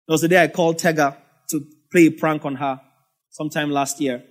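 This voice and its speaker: A pastor with a Nigerian English accent preaches a sermon, telling the story conversationally with asides. He speaks briskly in a slightly high voice with fairly even intonation.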